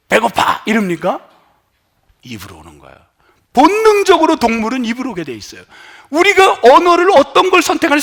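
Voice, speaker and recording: A middle-aged male pastor preaching a sermon, asking his congregation questions and swinging from loud emphatic lines to hushed near-whispers. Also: very high voice. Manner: asks the congregation questions and has them try words aloud.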